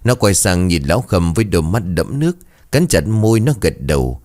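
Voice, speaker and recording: A man narrating a dramatic story in an expressive, measured way. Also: low voice.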